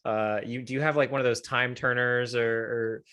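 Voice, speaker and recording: A man's voice: medium pitch, little pitch movement, normal speed, fairly bright tone, clean tone. A man co-hosting a podcast, rambling thoughtfully in casual conversation. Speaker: podcast co-host. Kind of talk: casual chat.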